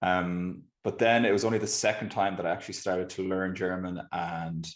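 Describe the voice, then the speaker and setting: A man's voice: sits low, flat delivery, normal speed. A man with a west of Ireland accent chatting casually and informally as an interview guest. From Galway, west of Ireland. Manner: informal, hedging with 'kind of'. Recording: roomy, echoey sound.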